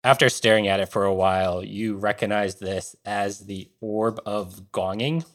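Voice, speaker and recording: A man's voice: lowish voice, fairly even intonation, normal speed, a bit bright. A man acting as game master, narrating a tabletop game.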